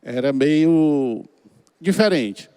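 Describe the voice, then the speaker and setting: A man's voice: fairly high pitch, lively intonation, drawn-out words, warm tone, clean tone, dry recording, clean studio sound. A middle-aged man with a Cearense accent, preaching a sermon in a chatty, colloquial storytelling way and acting out the quotes. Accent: Cearense Portuguese.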